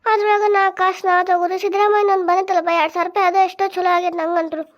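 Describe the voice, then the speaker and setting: Lady voicing a squeaky village wife in a cartoon, nags fast and scolds nonstop. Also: level tone, highs cut off. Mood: complaining. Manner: nagging, complaining, quick scolding. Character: scolding village wife of a drunkard, middle-aged. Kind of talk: cartoon comedy voice acting.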